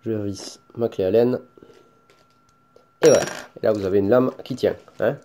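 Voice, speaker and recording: A man's voice: on the low side, fairly even intonation, moderate pace, warm tone, a little hiss or hum. A man with a Toulouse accent casually showing and explaining a hobby item, hesitant with many fillers and restarts. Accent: Toulouse French. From France. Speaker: hobbyist showing his lightsaber. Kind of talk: casual show-and-tell.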